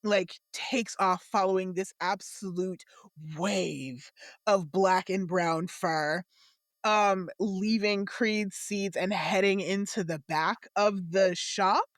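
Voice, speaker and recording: A woman playing a tabletop game, describing her character's actions in long, animated run-on sentences. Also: mid-range voice, slow pace, dry recording, clean studio sound. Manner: animated, laughing often, run-on storytelling. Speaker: player.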